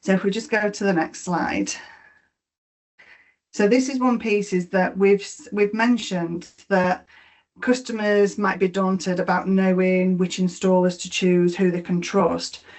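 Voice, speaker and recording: Her voice sits at a medium pitch, steady, unhurried and somewhat dark. This middle-aged woman from Yorkshire, England, walks through a mortgage rewards webinar slide by slide, with plenty of fillers and repeated words.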